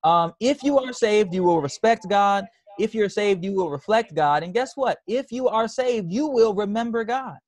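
A man preaching a sermon, his voice sitting a little high for a man. He drives points home by repeating phrases and calling for the congregation's response. The sound is close and dry. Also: animated, normal speed, no echo. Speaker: pastor.

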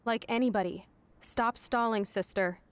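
Actress as rebellious American punk girl, high pitch, cocky, sweary, slangy, video game drama. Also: steady tone, normal speed, no room sound, natural voice. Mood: pressing, scornful.

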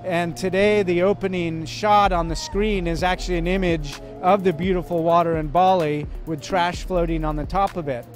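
Young man, higher voice, earnest testimony on a city street, music bed. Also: steady tone, normal speed, few pauses. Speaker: interviewee. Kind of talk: scripted promo testimony. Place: busy city square outdoors. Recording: street promo with music over it. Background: music and traffic.

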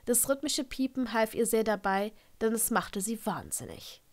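A woman narrating a fan-fiction audiobook in a calm, even storytelling voice. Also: fairly high pitch, normal speed. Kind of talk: reading fan fiction aloud.

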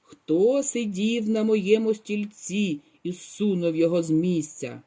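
A big, fearsome father bear from a children's storybook, as a woman puts him on. He roars his words slowly and loudly, with a mellow, breathy tone. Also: mid-range voice, close to an everyday voice. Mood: roaring. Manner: slow roaring.

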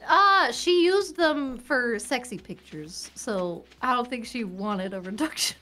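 A woman's voice: on the high side, animated, slow pace, sharp tone. A woman streamer with a put-on Southern US accent, chatting playfully while gaming, sing-songy and rhyming. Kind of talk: casual gaming chat. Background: game music.

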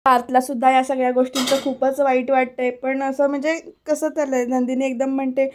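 A woman's voice: high-pitched, a little fast. A woman retelling a TV serial episode as a voice-over, quoting the characters and speaking to her viewers. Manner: animated retelling, quotes the characters' lines and addresses viewers directly. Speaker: serial recap narrator.

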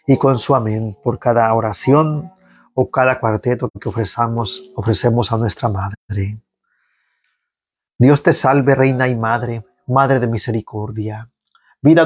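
A man leading listeners through a recited rosary, reading psalms in a slow, measured devotional way and guiding the responses. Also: medium pitch, darkish tone. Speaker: prayer leader.

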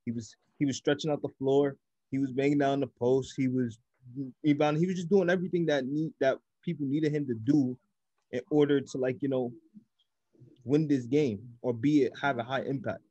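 A man's voice: medium pitch, steady tone, fairly quick, dark tone, dry recording, highs cut off. A man co-hosting a casual basketball podcast, talking in a laid-back, teasing way full of fillers. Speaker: podcast co-host. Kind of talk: casual sports chat.

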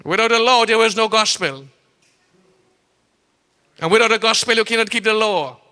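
Preaching in a church sanctuary, this man speaks with a Trinidadian accent and a high-sitting, pushed, bright voice at a moderate pace. Rhetorical questions and elongated key phrases mark his sermon, and long church-hall reverb fills the recording.

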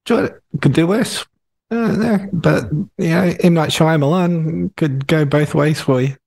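A man's voice: on the high side, measured pace, vocal fry, darkish tone, no echo. A man hosting a casual film review podcast, teasing his co-host with dry swearing and reading reviews aloud. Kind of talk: casual banter.

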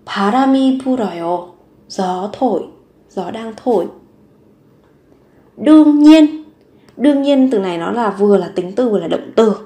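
A woman teaching a vocabulary lesson, reading example sentences aloud and repeating each word slowly and carefully. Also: medium pitch, darkish tone, echoey room. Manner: slow, careful repetition of words and sentences. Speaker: Korean language teacher.

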